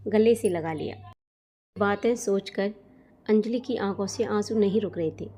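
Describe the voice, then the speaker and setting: A woman narrating a dramatic family story in a steady, scripted storytelling manner. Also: medium pitch, slight background noise.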